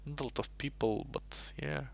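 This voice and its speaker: A man's voice: mid-range voice, normal speed, creaky, slight background noise. A man from Russia chatting casually on a live stream, rambling and thinking aloud as he solves chess puzzles at his desk mic.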